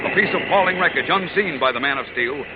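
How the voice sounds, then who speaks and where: An actor narrating a 1940s radio adventure serial in an urgent, declamatory style. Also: male voice, a little high, lively intonation, quick pace, close to an everyday voice. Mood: urgent, dramatic. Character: dramatic adventure-serial announcer. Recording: muffled old radio, loud music behind.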